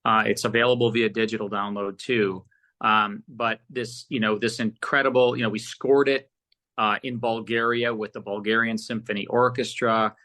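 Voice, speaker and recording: As an interview guest, a producer tells animated, rambling anecdotes in a casual way, often quoting and acting out bits of past conversations. His voice sits fairly low, at a moderate pace.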